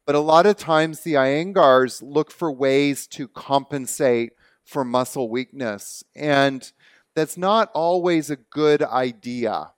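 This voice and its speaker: A man's voice: medium pitch, slow, clean tone, dry recording. Canadian male webinar host, easygoing and chatty; clean, resonant voice with a dry close mic. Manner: relaxed, chatty, laughs easily. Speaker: webinar host and movement teacher. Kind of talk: casual online webinar talk. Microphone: video call.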